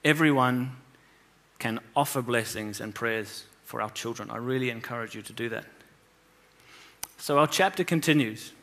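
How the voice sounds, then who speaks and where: A man's voice: medium pitch, normal speed, fairly bright tone. A man teaching children, retelling a scripture story with emphasis and rhetorical questions. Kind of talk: scripture reading and moral lesson.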